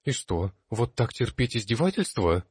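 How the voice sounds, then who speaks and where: A man voicing a patient male teacher in an audiobook, explaining softly and calmly. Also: medium pitch, moderate pace, breathy edge, no room sound, studio quality. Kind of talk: audiobook character voice.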